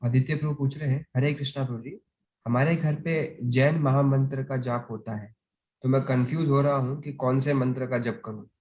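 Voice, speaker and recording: A man's voice: medium pitch, steady tone, moderate pace, darkish tone, lo-fi sound. A man moderating a video-call session, plainly reading out questions sent in by listeners. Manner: reads questions aloud plainly.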